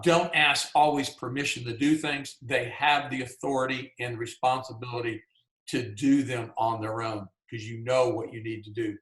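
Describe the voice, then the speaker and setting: A man from Georgia, US, with a Southern accent, presents a writers' workshop over a video call, speaking in a relaxed, folksy, conversational way full of asides and "you know"s. His pitch is ordinary and mid-range, and the recording has a noticeable roomy echo.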